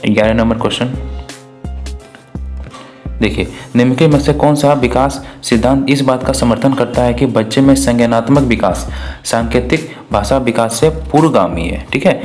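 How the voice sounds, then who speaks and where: A man's voice: medium pitch, normal speed, a little mellow, soft background music. A man who teaches exam preparation, reading out questions and answering them himself, with lots of repetition. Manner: repetitive, asks and answers his own questions. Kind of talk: spoken exam walkthrough.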